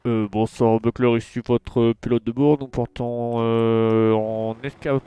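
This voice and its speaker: A man putting on the voice of an airline pilot making a cabin announcement, slow and formal with small hesitations. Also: medium pitch, flat delivery, dark tone, smooth, dull audio, pitched below the performer's own voice, close to an everyday voice. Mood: mock formal.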